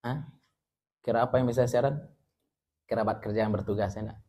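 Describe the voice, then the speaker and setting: A man's voice: lowish voice, steady tone, fairly quick, mellow, slight background noise. A man with a Minangkabau accent teaching an Islamic study class, explaining Arabic terms and joking with his listeners. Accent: Minangkabau Indonesian. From West Sumatra. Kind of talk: religious study lecture.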